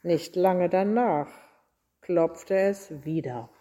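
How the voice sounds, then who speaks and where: A woman reading Christmas stories aloud in a measured, deliberate storytelling manner. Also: on the low side, dark tone. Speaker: reader.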